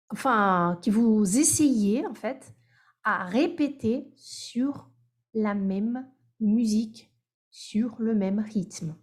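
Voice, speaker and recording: A woman teaches French over a video call. She speaks slowly, drawing phrases out syllable by syllable so her students can copy the rhythm. Her voice sits a little higher than most. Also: a little mellow, husky. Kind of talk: online class drills.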